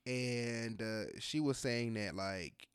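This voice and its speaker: Smooth, dry-voiced podcast co-host. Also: medium pitch, takes it slowly, dry recording. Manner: relaxed, trails off in hesitant restarts. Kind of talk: casual chat.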